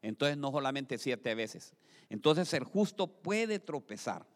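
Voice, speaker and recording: A man preaching a sermon in a church, moving between loud exclamations and soft asides, and asking the congregation to repeat his phrases. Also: medium pitch, big pitch swings, slow. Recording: long hall reverb.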